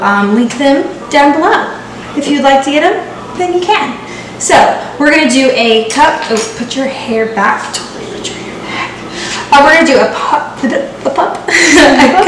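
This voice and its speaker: A woman's voice: a little high, a little hiss or hum. Bubbly young woman in an echoey kitchen. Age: young adult. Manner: bubbly, playful, jokey. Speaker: vlogger. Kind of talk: casual baking video. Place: home kitchen, indoors. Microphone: far camera.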